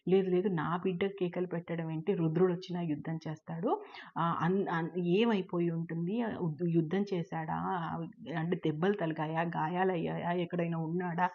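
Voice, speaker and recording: Woman reading a frantic, grieving warrior father for a spoken story, low voice, anguished, dull lo-fi sound. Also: steady tone, moderate pace. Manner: anguished, pleading, repeating questions. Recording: dull lo-fi recording.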